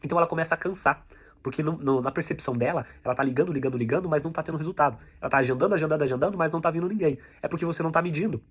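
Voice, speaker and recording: A man's voice: on the high side, very fast, slightly rough. A man with a Brazilian Portuguese accent teaching an online sales lesson, speaking directly to the viewer and repeating key points so they can be noted down. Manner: direct, repetitive coaching, addresses the viewer as you. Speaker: sales instructor.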